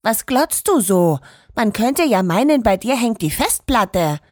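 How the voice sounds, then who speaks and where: A woman voicing a cheeky young female gnome who teases and mocks in a high sassy voice. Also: very animated, unhurried, no echo, studio quality. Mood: teasing. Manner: sassy, mocking.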